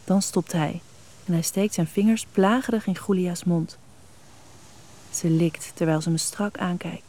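Soft husky woman storyteller. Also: lowish voice. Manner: soft, intimate, unhurried delivery. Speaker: narrator. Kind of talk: scripted erotic story narration.

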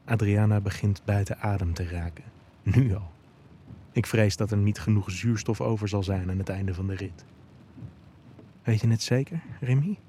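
A man's voice: fairly low pitch, steady tone, moderate pace, warm tone, a little hiss or hum. A man giving intimate first-person narration of an erotic audio story.

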